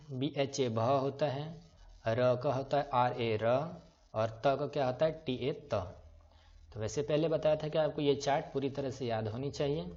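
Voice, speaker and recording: A man with a medium-pitched, a little mellow voice patiently spells words letter by letter after breaking them apart. He's teaching an online class on writing names in English letters, and the lo-fi recording is slightly dull.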